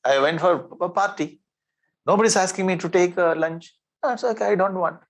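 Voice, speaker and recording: Speaking with a South Indian accent, a man delivers an animated, conversational spiritual discourse that includes recitation of Sanskrit verses. He repeats phrases, asks rhetorical questions, and talks a little fast in a voice that sits high.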